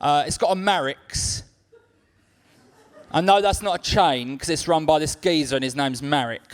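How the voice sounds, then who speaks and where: Male stand-up comic, South London accent, clean high voice, slangy and cheeky banter. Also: normal speed. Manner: chatty, cheeky, uses slang. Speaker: stand-up comedian. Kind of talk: live stand-up comedy with audience banter.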